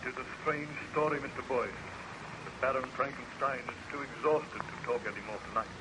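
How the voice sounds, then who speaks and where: Man as authoritative, caring sea captain, medium pitch, declamatory vintage radio acting, audibly noisy recording. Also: fairly even intonation, a little fast, close to an everyday voice. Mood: reassuring. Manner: formal, declamatory. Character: commanding, solicitous male ship's captain. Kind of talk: 1930s-40s radio serial acting.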